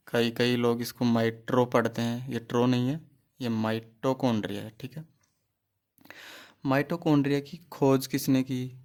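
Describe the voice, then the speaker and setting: A man teaches biology to students preparing for exams, his mid-range voice a little mellow. He asks questions and supplies the answers himself, repeating the important terms as he goes.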